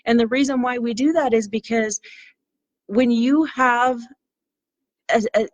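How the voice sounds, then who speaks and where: A woman's voice: fairly high pitch, measured pace, dry recording, dull audio. A middle-aged woman who owns a martial arts studio, telling stories in a casual, enthusiastic interview and acting out the people she quotes. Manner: enthusiastic, acts out quotes in a lively voice.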